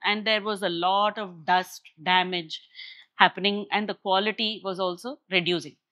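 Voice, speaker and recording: A woman's voice: mid-range voice, steady tone, extremely slow, pushed and bright. A woman with an Indian Telugu accent explaining things in an interview, switching freely between Telugu and English. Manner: explanatory, with English phrases dropped into Telugu sentences. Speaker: guest explaining a maker center's projects.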